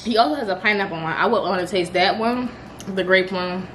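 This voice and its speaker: A woman's voice: medium pitch, a bit bright, a little hiss or hum. A young woman in a casual chatty review, talking while chewing, candid and offhand. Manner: chatty, candid, drawn-out slang. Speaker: vlogger.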